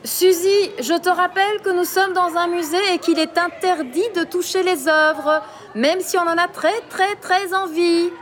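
A prim, gently scolding museum guide. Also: female voice, very high-pitched, fairly even intonation, measured pace, slight background noise. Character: patient adult woman, a museum guide or teacher. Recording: reverberant room with music.

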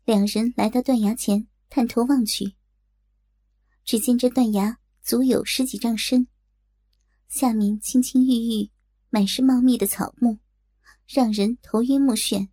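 A woman narrating a martial-arts audiobook in a measured, steady manner. Her voice is somewhat high, mellow and husky, with a gravelly edge. The recording is dry and close. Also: no echo. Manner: measured, storytelling.

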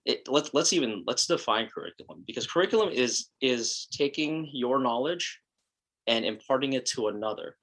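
A man's voice: medium pitch, lively intonation, normal speed, fairly bright tone, husky, poor audio. A middle-aged man co-hosting a podcast, talking in a reflective, casual way and restarting his phrases often. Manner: reflective, repeats words when restarting. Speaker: podcast co-host.

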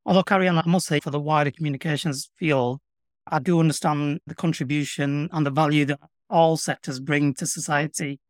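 A man's voice: on the high side, fairly even intonation, a little fast, no room sound, studio quality. Man with a broad Yorkshire accent. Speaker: interview guest, public sector communications professional. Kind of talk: reflective conversational interview.

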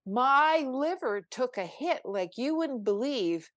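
A woman's voice: high voice, expressive, slow, no echo, clean studio sound. An older woman, a spiritual coach, telling a personal story on a podcast in an earnest, emphatic way, with frequent restarts.

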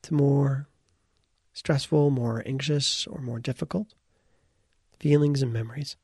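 A man with a deeply husky, gravelly voice talks a listener slowly through a guided visualization. His tone is dark and relaxed, and he often sinks to a whisper. The sound is dry and close, with no room around it. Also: no echo. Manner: calm, soft-spoken, drifts into whispers. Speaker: guided meditation leader.

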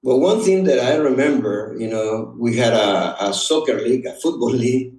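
A middle-aged or older Honduran man, a native Spanish speaker with that accent, shares personal stories as a podcast guest, halting and reflective, often saying "you know." His mid-range voice is a little mellow, captured with roomy echo on a distant mic.

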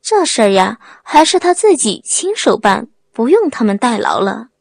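A woman's voice: on the high side, very animated, normal speed, gravelly, no room sound, exaggerated voice. A woman voicing a sly young village man who pretends to be timid and simple, stammering meekly. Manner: timid stammering act, cold when angry. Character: young village man playing dumb, secretly cunning.

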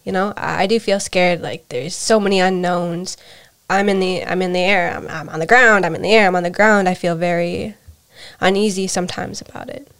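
A young adult American woman, an adoptee being interviewed, talks candidly and introspectively in a reflective conversation, often repeating phrases while searching for words. Her voice is fairly low, steady, smooth, fairly bright, and a little fast.

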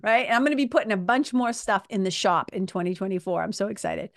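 A woman's voice: mid-range voice, fast, no echo, studio quality. A woman speaking as a podcast host and coach, giving a casual, emphatic motivational talk to listeners in informal, salty language.

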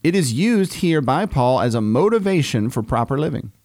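A man, a pastor co-hosting a podcast, explaining a Bible passage in a measured, deadpan way. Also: mid-range voice, no echo, studio quality. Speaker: pastor and co-host.

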